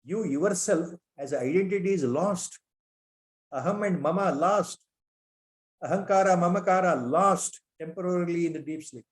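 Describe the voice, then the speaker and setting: A man's voice: high voice, normal speed. A man with an Indian accent gives a spiritual discourse, reciting Sanskrit verses and asking repeated rhetorical questions. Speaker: spiritual teacher.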